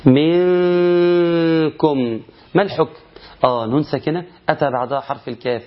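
A man with an Egyptian Arabic accent teaching Quran recitation rules in a lively, question-and-answer style, drawing out words to demonstrate them. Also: medium pitch, very fast, slightly rough, muffled recording. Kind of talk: colloquial recitation lesson.

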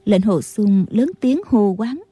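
A woman narrating a martial arts novel as an audiobook reader, in steady storytelling. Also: mid-range voice, takes it slowly, husky, dry recording. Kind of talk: scripted narration.

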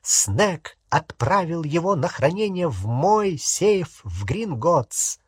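Man doing shrieking fanatical dark witch Bellatrix. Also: fairly high pitch, big pitch swings, slow, husky, no room sound, studio quality, voice pushed up, heavily acted. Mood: hissing. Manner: shrieking, hissing. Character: shrill fanatical female dark witch, imperious.

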